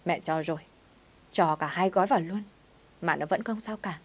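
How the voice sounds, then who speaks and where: A woman's voice: lowish voice, normal speed, husky. A woman reading the lines of a scheming middle-aged aunt in a told story. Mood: plotting.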